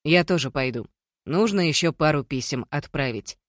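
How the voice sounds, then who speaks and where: A reader voicing a courteous middle-aged father with a gently ironic manner, in a dry recording. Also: a little high, expressive, moderate pace, dry recording.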